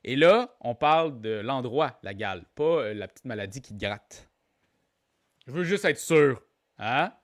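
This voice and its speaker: A man's voice: medium pitch, animated, measured pace. A man with a Québécois accent hosting a live online trivia game, playful and joking, repeating each question aloud and calling out players. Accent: Québécois French. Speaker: trivia quiz host.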